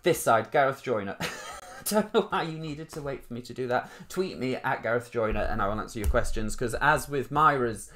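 A man's voice: medium pitch, animated, normal speed, bright, forceful tone. Chatty self-mocking man from northern England. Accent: Northern English, Rotherham. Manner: chatty, self-deprecating, rambling. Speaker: performer hosting a live stream. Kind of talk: casual live-stream chat.

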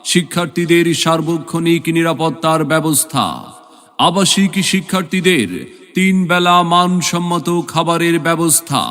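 A man with a Bangladeshi accent reads a scripted promotional announcement in a formal, measured, proclaiming way, drawing out repeated phrases. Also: on the high side, fairly bright tone. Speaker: announcer for a school admission advert. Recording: long reverb, music behind the voice. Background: background music.

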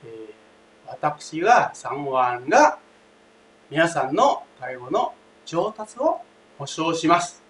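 High, lively male teacher in a roomy space. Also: takes it slowly. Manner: emphatic, repeats key phrases, often addresses the class. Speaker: language teacher. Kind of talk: classroom lesson. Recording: roomy, distant mic, faint hiss.

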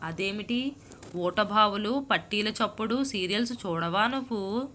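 A woman's voice: mid-range voice, measured pace, a bit bright, natural voice. Woman reading a melodramatic serial-obsessed wife. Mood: complaining. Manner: sighing scoffs, self-pitying, complaining. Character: young married woman, melodramatic, hooked on TV serials. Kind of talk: storybook reading.

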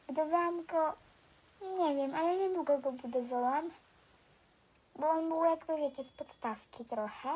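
A female vlogger talks casually over gameplay, showing things as she goes. Her voice sits very high and is altered with a voice changer. The delivery is informal, like chatting to viewers during a tour. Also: darkish tone, poor audio. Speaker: video creator giving a game house tour. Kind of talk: casual gameplay vlog commentary.

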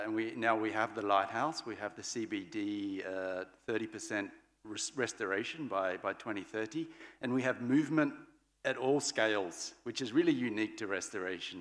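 A man's voice: on the low side, a bit bright. Male panel moderator, 40s, podium mic, unscripted wrap-up with restarts, long hall reverb. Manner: loose, searching phrasing with fillers and restarts. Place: large conference stage hall.

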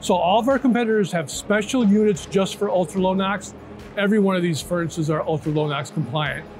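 A man in his fifties speaks fairly quickly in a high-pitched voice as he demonstrates a product during an interview at a large indoor trade show. Step by step, he explains and checks that the listener follows, saying "right?" and "okay?", over background music.

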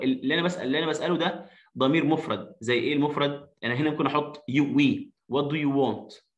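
An Egyptian man teaches an English lesson at a mid-range pitch. He drills the example sentences slowly and plainly, then rushes through his explanations. His voice rings a little in an echoey room. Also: fairly bright tone. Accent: Egyptian Arabic.

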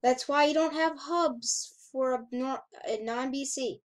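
A woman's voice: high voice, slow. A woman hosting a gaming channel, giving casual gameplay commentary, chatty and reading on-screen text aloud as she reacts to it.

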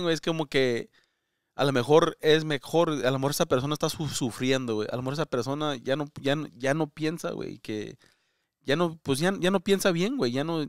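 A man co-hosting a casual comedy podcast, rambling and switching between Spanish and English, with loud laughs. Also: a little high, clean tone, no room sound, studio quality. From United States. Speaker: comedian co-host.

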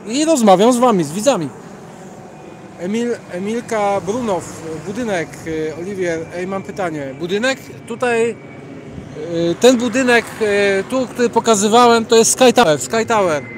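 A man's voice: high-pitched, normal speed, slight background noise. A man with a Polish accent hosting a casual livestream on a night walk along a city sidewalk, rambling and reading out viewers' chat names as he greets them. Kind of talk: casual live chat while walking.

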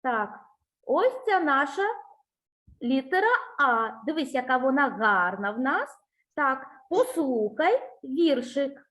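Woman, speech teacher, high voice, slow and deliberate, patient, encouraging, sings out vowels clearly. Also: expressive, a bit bright. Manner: patient, encouraging, asks many questions. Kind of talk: one-on-one speech lesson with a child.

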